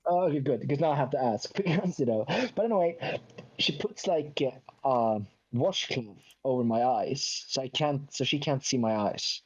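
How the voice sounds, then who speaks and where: A man's voice: mid-range voice, lo-fi sound. A man from Sweden, telling a long anecdote in a casual chat, with self-mocking asides and quoted voices.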